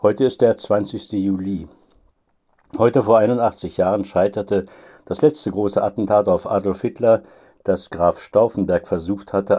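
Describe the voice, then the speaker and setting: Deep, dark-voiced man reading a devotion. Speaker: pastor giving a phone devotion. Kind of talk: read devotional sermon. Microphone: phone line recording.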